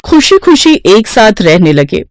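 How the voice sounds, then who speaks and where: A woman's voice: mid-range voice, sing-song, measured pace, faint music behind. A woman narrating a moral story in a scripted storybook style, voicing the characters expressively.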